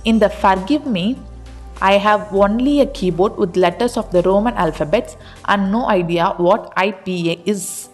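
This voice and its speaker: A woman narrating a pronunciation explainer in an even, read-aloud delivery. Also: mid-range voice, normal speed, faint music behind. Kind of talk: scripted narration of an article.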